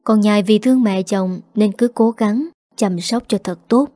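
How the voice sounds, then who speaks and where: Female storyteller, calm steady read, mellow tone, dry recording. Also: medium pitch, normal speed, no room sound. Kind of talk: audio story narration.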